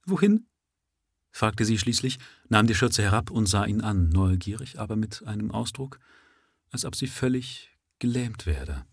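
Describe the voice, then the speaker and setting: A man reading a literary story aloud live at first sight, in a measured manner. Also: fairly low pitch, creaky, husky, no echo, clean studio sound. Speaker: reader.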